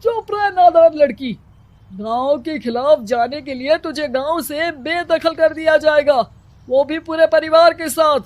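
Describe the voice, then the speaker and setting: Domineering cartoon village headman, played by a man; extremely high voice, commanding, mocking, self-important. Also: a little slow. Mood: angry, threatening. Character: stern, domineering village headman who oppresses women. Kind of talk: Hindi cartoon character acting.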